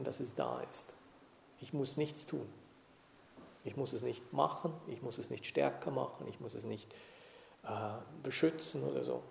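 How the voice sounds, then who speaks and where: Gravelly, calm male meditation teacher. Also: medium pitch, reverberant, slight background noise. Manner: calm, unhurried, thoughtful with frequent "ja?" checks. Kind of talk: dharma talk to a group.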